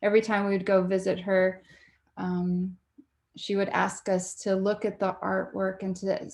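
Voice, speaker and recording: A young woman from Canada, a documentary photographer, talking reflectively on a panel with frequent pauses and fillers. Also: medium pitch, flat delivery, creaky, darkish tone. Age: young adult. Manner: reflective, hesitant with many fillers. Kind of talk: panel talk.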